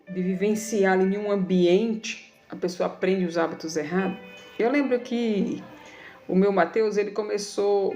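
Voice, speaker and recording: A woman's voice: medium pitch, mellow. A woman in her thirties hosting a live stream, talking casually and affectionately to her viewers in a preachy way. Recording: echoey room with faint music.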